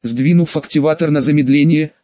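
A man narrating an audiobook in a wry, brisk storytelling manner. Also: on the high side, fairly even intonation, warm tone, no room sound. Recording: dull dry studio recording.

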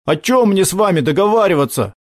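A man's voice: high-pitched, lively intonation, quick pace, dry recording, clean studio sound, voice pushed up. Man doing a stubborn, earnest teenage boy. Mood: indignant. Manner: firm, indignant.

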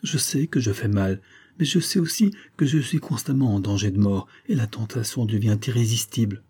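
A man reading the part of a young woman vampire, soft and earnest in a raised voice. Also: on the low side, normal speed, slightly rough. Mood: melancholy, pleading.

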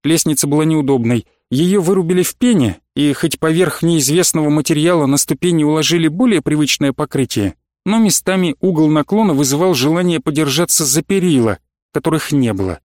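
Man narrating an audiobook, fairly high voice. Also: expressive, fairly quick, a little mellow, no echo, studio quality. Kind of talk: scripted narration.

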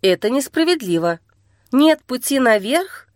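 Panicked headstrong young woman as a woman narrator plays her, pushes high when upset. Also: very animated, measured pace, dry recording, studio quality. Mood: anxious. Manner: urgent, pleading, rises high when upset. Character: frightened, stubborn young woman desperate to escape.

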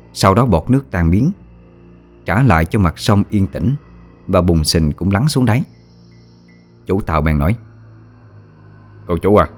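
A man narrating a ghost story in a measured, solemn way. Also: low-pitched. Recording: faint music bed. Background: faint music.

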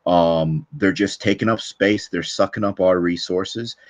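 A man's voice: deep voice, a little slow. A man in a rambling, profane monologue, full of fillers and restarts, punctuating points with a questioning "okay". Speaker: channel host. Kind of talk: ranting monologue. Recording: dull lo-fi recording.

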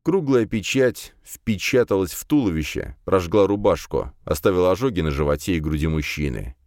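A man narrating an audiobook in an expressive storytelling manner. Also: low-pitched, normal speed, dry recording, studio quality.

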